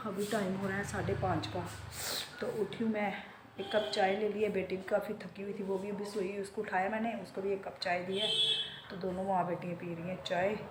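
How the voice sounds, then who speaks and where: A woman in her forties vlogging casually from home in a chatty, relaxed way, talking straight to viewers, her throat a bit sore from a cold. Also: medium pitch, noisy background. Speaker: beauty salon owner and vlogger. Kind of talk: casual home vlog chat. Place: home, indoors.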